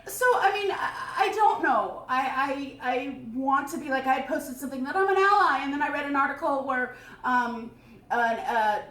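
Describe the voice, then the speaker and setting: A woman co-hosting a casual talk show, speaking in a halting, heartfelt way with frequent restarts. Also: sits high, lively intonation, a bit bright. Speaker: co-host. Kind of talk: casual chat. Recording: echoey room, voice a bit off-mic.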